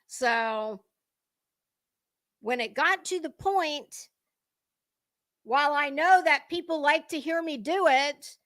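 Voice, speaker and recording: A woman's high, fairly bright voice moves slowly, with frequent pauses. She's an online commentary creator ranting off the cuff to her viewers, blunt, sweary and confrontational, hammering her emphatic words.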